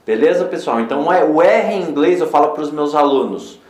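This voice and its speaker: Brazilian teacher in an echoey room. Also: male voice, fairly high pitch, lively intonation, a little mellow. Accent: Brazilian Portuguese. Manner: explains patiently, slows down to model English words, checks in often with "beleza?". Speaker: English teacher. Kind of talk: online video lesson. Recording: roomy echo.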